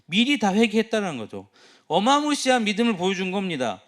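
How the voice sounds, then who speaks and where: Guy preaching to a youth group, kinda high pitched, emphatic, lots of questions thrown at the room. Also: big pitch swings, fairly quick. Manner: asks the congregation rhetorical questions. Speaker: youth pastor. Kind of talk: sermon.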